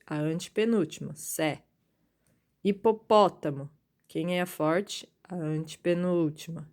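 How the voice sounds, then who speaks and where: A woman's voice: lowish voice, darkish tone. A woman teacher giving a recorded lesson, explaining patiently and often checking in with her students.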